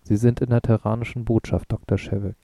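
A man's voice: lowish voice, level tone, a little fast, mellow, no room sound, natural voice. A man voicing a courteous woman ambassador over sixty with a smoky, sing-song voice, in an audiobook. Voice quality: smoky singsong voice.

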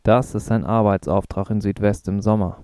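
A man's voice: fairly low pitch, fairly even intonation, normal speed, dark tone, no echo, studio quality, natural voice. A man reading the part of a worried male ecologist who speaks in a serious, matter-of-fact way.

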